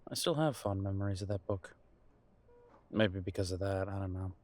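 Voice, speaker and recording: In an intimate audio roleplay drama, a male actor with a fairly low voice close to his everyday one plays a gentle, nervous boyfriend, who is also a grown son visiting his mother. His mood is reflective and uneasy as he tries to reassure while sounding unsure himself. He speaks haltingly and hesitantly, sighing and giving soft chuckles.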